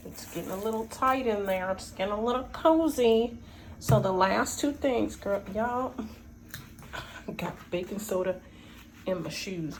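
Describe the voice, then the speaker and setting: A woman's voice: lowish voice, low-quality recording. A woman chatting casually to viewers while making something at home, playful and talkative with frequent asides. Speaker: vlogger. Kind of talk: casual chat while doing a home craft. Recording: audible background noise.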